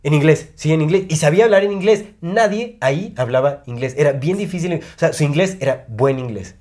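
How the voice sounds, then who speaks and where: A man's voice: on the high side, expressive, brisk, darkish tone. A young man with a Mexican Spanish accent, rambling through a personal story on a podcast with lots of fillers and restarts. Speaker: podcast co-host. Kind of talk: casual chat, storytelling.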